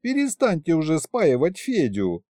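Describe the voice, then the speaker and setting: A man's voice: on the high side, huge pitch swings, slow pace, darkish tone, no room sound, studio quality, pitched above the performer's own voice, exaggerated voice. A man voicing a doting but bossy young wife who coos and scolds. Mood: scolding. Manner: cooing, scolding.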